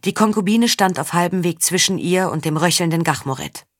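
A woman reading a historical novel aloud with steady, measured narration. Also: fairly low pitch, no echo, clean studio sound. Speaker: audiobook narrator. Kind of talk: scripted narration.

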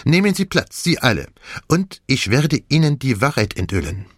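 A man's voice: mid-range voice, sing-song, a little slow, dry recording, clean studio sound, voice pushed up. A man voicing a fussy, commanding elderly Belgian detective who speaks German with a French accent in a precise, formal way. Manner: precise, formal, lightly theatrical.

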